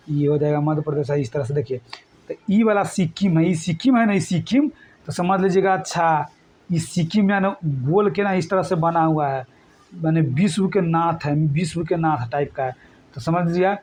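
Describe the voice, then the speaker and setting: A man's voice: fairly high pitch, normal speed, darkish tone. A man teaching an exam current affairs lesson, repeating memory tricks and coaxing his students along. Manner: repetitive, coaxing, addresses students as friends.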